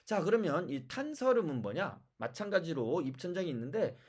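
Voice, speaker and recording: A language teacher giving a pronunciation lesson, explaining step by step and repeating example words slowly. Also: medium pitch, sing-song, a little mellow, husky. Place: lives in China.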